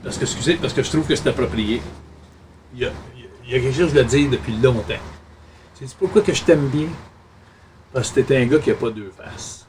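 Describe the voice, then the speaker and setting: A man's voice: medium pitch, a little fast, darkish tone, a little hiss or hum. A man with a Quebec French accent hosting a podcast interview, emphatic and full of stories. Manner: emphatic, storytelling. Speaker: podcast host. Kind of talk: casual interview.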